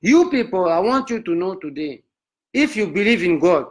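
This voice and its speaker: A man's voice: sits high, sing-song, moderate pace. A man playing a pompous male prophet who preaches in broken English with a Nigerian accent. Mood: preaching. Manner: broken English, declaiming sermon. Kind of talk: comic sermon.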